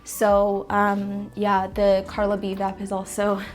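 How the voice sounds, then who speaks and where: A woman speaks slowly and in a monotone with a mid-range voice while soft music plays. As a plant vlogger with a sniffly, stuffy nose, she rearranges houseplants in her apartment plant room, chatty, slightly rambling and correcting herself.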